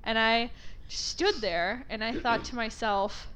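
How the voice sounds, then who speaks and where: Slightly high-voiced woman telling a story. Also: takes it slowly, clean tone. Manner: animated, laughs often, swears freely. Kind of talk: casual storytelling chat.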